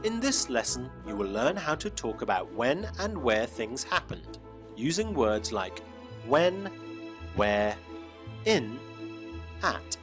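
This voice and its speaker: A man hosting an English lesson in clear, teacherly scripted narration, slowing down for examples. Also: medium pitch, big pitch swings, music in the background. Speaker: lesson host.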